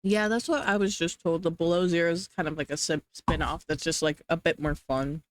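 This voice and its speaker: A streamer talks loosely into a close desk mic, piling up "like"s and restarts while reading chat aloud between bites. The sound is dry and close with no room around it, and the pitch sits in a middling register. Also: fairly even intonation, brisk, dry recording. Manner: rambling, hedging with many "like"s, reading chat aloud. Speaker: livestreamer.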